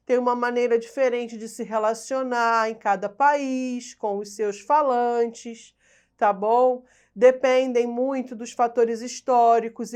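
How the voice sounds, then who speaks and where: A woman from Brazil leads a recorded class in a slightly high voice. She talks slowly and carefully, and often checks that her students are following. She asks rhetorical questions before she answers them, and she corrects herself when a long word trips her up. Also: smooth. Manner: restarts and corrects herself over hard words. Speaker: Portuguese language teacher. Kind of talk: recorded online class lecture.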